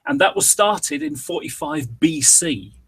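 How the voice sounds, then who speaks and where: A man's voice: on the high side, huge pitch swings, a little slow, vocal fry, a bit bright, husky. A British man guesting on a podcast, chatting casually and rambling off on tangents. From Britain.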